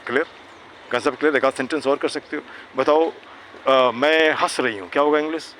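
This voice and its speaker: Patient male tutor, slightly high voice. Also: brisk, fairly bright tone, slight background noise. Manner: patient, checks understanding often. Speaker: English tutor. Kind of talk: Hindi grammar lesson for children. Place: outdoors near traffic.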